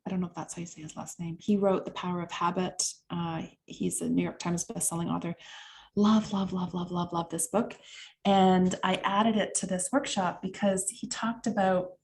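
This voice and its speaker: This middle-aged Canadian woman facilitates an online workshop over video-call audio, chatty and full of fillers and asides to the chat. Her voice sits lowish, with fairly even intonation and a normal speed.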